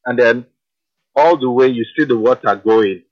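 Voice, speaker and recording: A man's voice: medium pitch, moderate pace, darkish tone, dry recording, muffled recording. A man in his fifties chatting on a radio show, hesitant and searching for words. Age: 50s. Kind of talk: casual radio chat.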